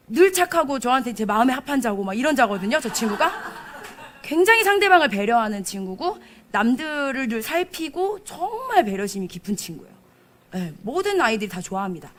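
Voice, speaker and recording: A young adult woman pastor preaching a sermon, telling stories with animated quoted speech and frequent laughter. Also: on the high side. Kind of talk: sermon with storytelling. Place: church service.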